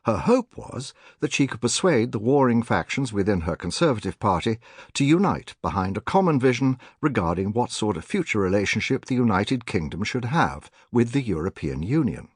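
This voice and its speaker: A man reading a nonfiction audiobook in a measured, clearly articulated way, recorded on a close studio microphone. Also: on the low side, very animated, no room sound. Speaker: audiobook narrator.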